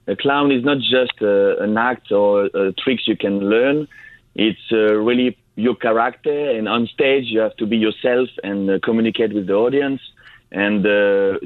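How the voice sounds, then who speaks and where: A man answers radio interview questions in halting, non-native English. His voice is on the low side, heard dry through a thin telephone-like band. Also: no room sound. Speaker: circus clown, guest. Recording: dry, phone-like band-limited sound.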